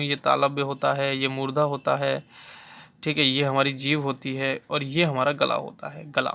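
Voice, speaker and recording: A male teacher with a bright, fairly high voice gives a lecture on phonetics. He talks slowly and patiently, repeating terms and pronouncing each sound aloud to demonstrate it. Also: vocal fry. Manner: patient, repeats key terms and demonstrates sounds aloud, frequent "theek hai" check-ins. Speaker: Hindi teacher for exam preparation.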